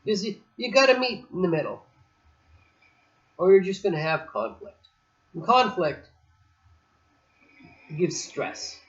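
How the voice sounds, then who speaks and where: A man with a high, sing-song voice chats casually on a beach, speaking slowly with frequent pauses and a slightly bright tone. As host, he tells a rambling, digressive story full of restarts, captured in a dull lo-fi recording.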